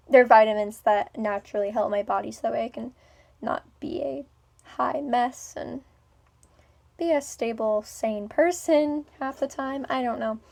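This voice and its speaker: A young woman vlogger with a speech impediment rambles through a personal vlog, full of ums, pauses and restarts. Her fairly high, slightly mellow voice shifts between a smooth, businesslike tone and a playful one.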